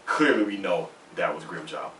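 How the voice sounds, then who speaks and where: A man with a low voice and a slushy lisp talks through a casual, off-the-cuff review. He rambles conversationally and repeats points for emphasis. He sounds away from the mic in an echoey room with faint noise. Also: moderate pace, a bit bright, far from the mic. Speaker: host of a manga chapter review.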